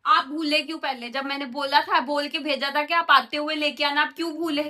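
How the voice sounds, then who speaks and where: A woman's voice: high-pitched, fairly even intonation, brisk, pushed and bright. A woman, vlogging an insistent, reproachful argument with her husband at home in the bedroom. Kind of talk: casual bickering at home.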